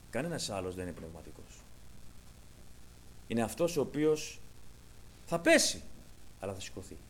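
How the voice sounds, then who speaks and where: A man preaching a sermon, rising to fervent raised passages and dropping to hushed near-whispers, acting out quoted voices as he goes. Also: on the low side.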